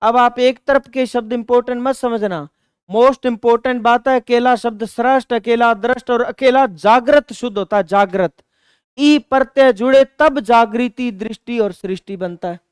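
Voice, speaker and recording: A male teacher gives an online exam-prep grammar lesson. His voice sounds smooth and resonant, with dry close-mic sound and no room echo. He poses questions, answers them himself, and repeats key words for emphasis. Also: extremely high pitch, normal speed.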